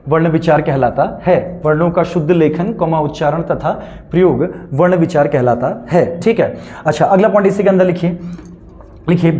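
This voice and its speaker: A man's voice: a little high, warm tone. A young male teacher dictating a grammar lesson, asking questions and answering them himself, then repeating each line for note-taking. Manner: repetitive question-and-answer drilling.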